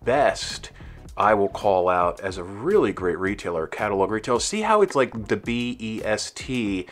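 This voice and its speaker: A deep-voiced middle-aged man narrates as he walks through an empty outdoor parking lot, recording on a handheld camera. He speaks in a loose, rambling, chatty way, dropping shout-outs as he goes. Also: sing-song, moderate pace, soft background music. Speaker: dead mall video host. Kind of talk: walking tour commentary. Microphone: handheld camera, filming as he walks.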